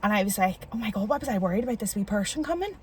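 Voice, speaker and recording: A woman's voice: mid-range voice, lively intonation, racing, crowd noise. Chatty Northern Irish woman, slightly distant. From Northern Ireland. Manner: chatty, emotional storytelling with many fillers. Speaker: interview guest. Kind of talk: casual chat. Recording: voice a little distant from the mic, faint background noise.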